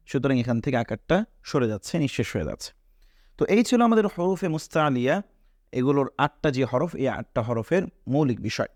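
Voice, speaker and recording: A man's voice: medium pitch, a little mellow, dry recording, clean studio sound. A man teaching a Quran reading class, patiently repeating each point and answering his own questions. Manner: mixes a few English words into his teaching. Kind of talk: online class lesson.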